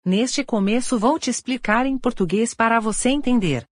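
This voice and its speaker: A woman teacher explaining a point of grammar clearly to learners. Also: on the high side, normal speed, no room sound. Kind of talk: lesson explanation.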